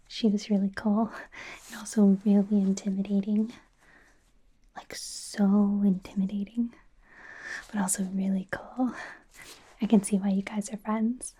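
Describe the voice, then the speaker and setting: In an ASMR roleplay, a woman voices a friendly but anxious young werewolf medical student. Her mid-range voice comes out as a soft, breathy whisper, rambling nervously and hesitantly with stammered repeats.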